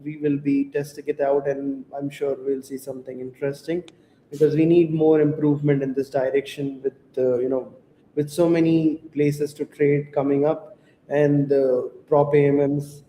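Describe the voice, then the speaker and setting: A man with a mellow, fairly high voice explains things steadily as co-host. The room is echoey, with a faint hiss underneath. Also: flat delivery. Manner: measured, explanatory, frequent "to be honest". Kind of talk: casual crypto show chat.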